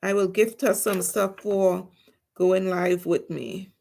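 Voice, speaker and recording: Speaking slowly in a low, dark voice with vocal fry and a steady tone, this Trinidadian woman from Trinidad and Tobago chats easily with viewers on her livestream. She's a nail technician vlogger, working on her nails as she talks.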